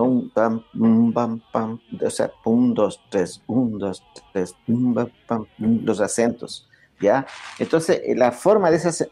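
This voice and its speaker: With a husky, dark-toned mid-range voice, a man from Ecuador lectures on music history as an interview guest. He restarts frequently and keeps checking in with "¿ya?".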